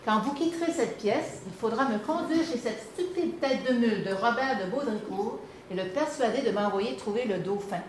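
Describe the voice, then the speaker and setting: A calm, unshakable peasant girl speaks with quiet conviction, read aloud by a woman. The voice sits fairly high. The room is echoey, with a faint hum underneath. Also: moderate pace, close to an everyday voice. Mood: resolute. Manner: calm, firm, earnest storybook reading. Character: determined peasant girl Joan of Arc.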